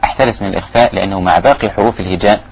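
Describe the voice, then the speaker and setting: A man with an Egyptian accent teaching Quran recitation, giving quick explanations broken by slow, drawn-out recited phrases. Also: low voice, creaky, husky, lo-fi sound. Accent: Egyptian Arabic. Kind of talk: recitation lesson.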